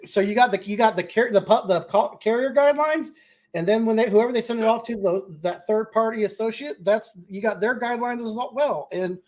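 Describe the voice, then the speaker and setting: A man's voice: high voice, a little fast, a little mellow. A man speaking as a contractor on a casual panel discussion, blunt and rambling with many restarts.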